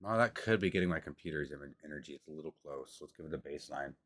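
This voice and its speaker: A man's voice: very deep voice, fast talker, a bit bright, dry recording. A man casually chatting on a home livestream about tarot, rambling and loosely profane, with the camera on a table. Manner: rambling, loose and profane, talks with mouth full at times. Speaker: streamer doing tarot readings.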